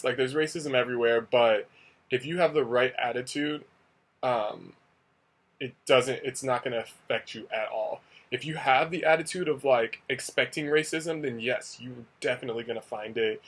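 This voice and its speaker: Talking a little slowly with a slightly bright, middle-of-the-range male voice, a young American English teacher based in Asia tells stories loosely to the camera in a casual vlog. He rambles, packs in fillers like "like" and "you know," and keeps doubling back.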